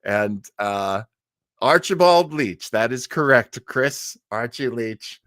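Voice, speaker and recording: A man with an expressive, mid-range, slightly bright voice talks slowly on his live web show about old-time radio. The studio recording has no echo, and he chats loosely with viewers in an excited, meandering way, peppered with jokes on the side.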